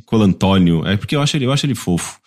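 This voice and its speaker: A man with a Brazilian Portuguese accent and a fairly low voice. He speaks in a casual, conversational way, as a panelist on a video game show. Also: lively intonation, rapid-fire. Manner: informal, conversational. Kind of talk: casual chat about video games.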